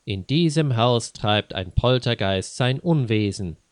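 A man's voice: mid-range voice, expressive, unhurried, no echo, clean studio sound, natural voice. A man voicing a self-important, easily offended male ghost hunter who speaks grandly. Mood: pompous. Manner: grandiose, indignant.

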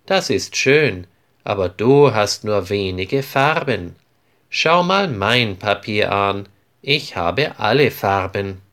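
A man's voice: on the low side, animated, slow, fairly bright tone. A man voicing a boastful, quarrelsome young boy who talks dismissively.

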